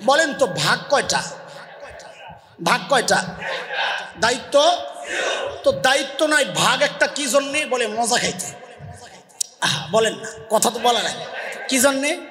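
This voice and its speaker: A man preaches a waz in a very high, sharp, forceful voice. He drills the crowd with questions and makes them repeat the answers. His voice rings through a roomy space with a long reverb tail. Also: animated, a little slow, long pauses. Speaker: Islamic preacher. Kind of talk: Bengali waz sermon with call-and-response.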